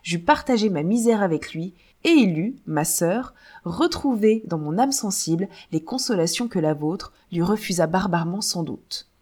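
Woman reading a sweet sad young sister, low-ish voice that moves around a lot. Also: lively intonation, moderate pace, warm tone. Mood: fervent. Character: tender-hearted young woman, grieving sister.

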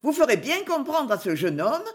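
A woman's voice: high voice, big pitch swings, normal speed, pitched above the performer's own voice. A woman reading as a prim middle-aged lady who runs a London shop, speaking with dignity and at length, in a storybook. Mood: dignified. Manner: dignified, long-winded complaining.

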